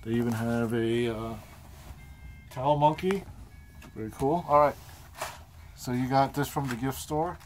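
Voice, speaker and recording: A man's voice: medium pitch, unhurried, pauses often, a little hiss or hum. A middle-aged father filming a family vlog in a cruise ship cabin, talking in an easygoing way as he guides his son. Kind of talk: casual vlog chat.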